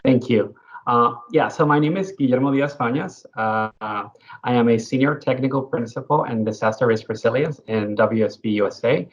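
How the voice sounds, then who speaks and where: A man from the Dominican Republic introducing himself as a panelist on a virtual roundtable, speaking in a measured way with many fillers. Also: medium pitch. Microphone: computer mic on a video call. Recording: dull, muffled video-call audio.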